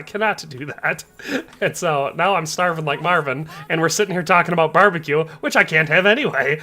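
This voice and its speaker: Chatty, bright-voiced streamer man. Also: on the high side. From US Upper Midwest. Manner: chatty, laughs easily, reads chat aloud. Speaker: game streamer. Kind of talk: casual livestream chat.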